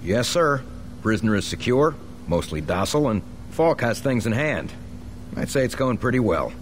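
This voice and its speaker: An actor playing an eager, respectful American soldier in a video game, chatty and deferential. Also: male voice, medium pitch, sing-song, moderate pace, a little hiss or hum, natural voice. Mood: earnest, upbeat. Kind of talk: video game cutscene acting.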